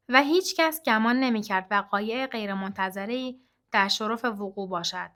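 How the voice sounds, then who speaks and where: A woman's voice: on the high side, pushed and bright. A woman reading a children's fantasy novel aloud as a narrator, giving the characters' lines lightly varied voices. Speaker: audiobook narrator.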